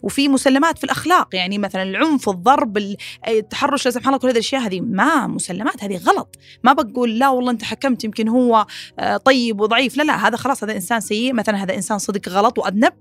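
A woman hosting a podcast, giving casual advice, animated and repeating phrases as she talks. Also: dry recording, soft background music. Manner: animated, acts out quoted critics in a higher voice; rapid, repeats phrases, many fillers. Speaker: podcast host.

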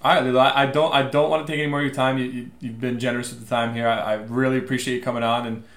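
A man hosting a casual interview as an eager fan, talking like an excited bro. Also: mid-range voice, very fast. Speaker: interview host. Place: remote call from a roomy space. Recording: roomy echo on the voice.

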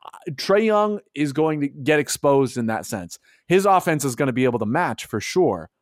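Guy cohosting a sports pod, bouncy animated delivery, dry close sound. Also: a little high, moderate pace, no room sound. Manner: animated, argues his points. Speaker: podcast co-host. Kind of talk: casual sports chat.

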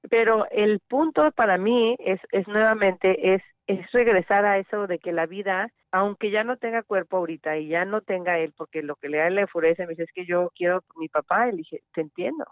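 A woman's voice: medium pitch, moderate pace, hardly any pauses, no room sound. A woman, a mother talking earnestly as a radio interview guest, often restarting her sentences. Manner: earnest, reflective, many restarts. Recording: tinny phone line, dry.

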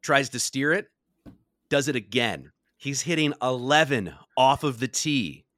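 A man's voice: mid-range voice, lively intonation, unhurried, fairly bright tone, dry recording, studio quality. A young adult man co-hosting a podcast, telling a story in a casual chat with lots of laughs. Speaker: podcast co-host.

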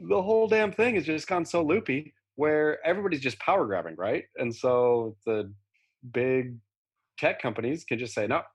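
Brief: husky Southern California man, co-host, sarcastic, pitch jumps all over. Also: lively intonation, moderate pace. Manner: sarcastic, slides into mocking voices. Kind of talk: casual podcast chat.

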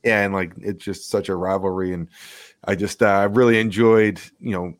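A man co-hosting a podcast, chatting casually and haltingly with lots of fillers. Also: low-pitched, flat delivery. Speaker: podcast co-host. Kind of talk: casual chat.

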